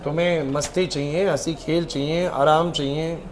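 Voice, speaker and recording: A man's voice: fairly high pitch, steady tone, normal speed. A male teacher in a classroom, urging and scolding his students. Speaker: chemistry teacher.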